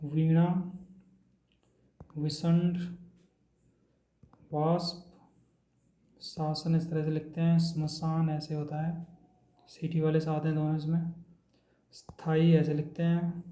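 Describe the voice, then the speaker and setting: A man teaching an exam-prep lesson in a steady, drilling manner, taking words one at a time. His voice is dark and mellow yet sits a little high, with a fairly flat, even melody. The room around him adds a noticeable echo. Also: takes it slowly, long pauses.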